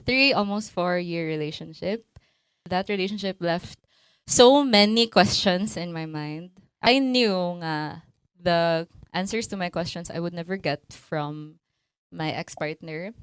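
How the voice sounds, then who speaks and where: A woman's voice: fairly low pitch, animated, takes it slowly, clean tone, no echo. A Filipina woman in her twenties with a Filipino accent, hosting a casual podcast chat, laughing often and switching languages mid-sentence. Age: 20s. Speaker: podcast host.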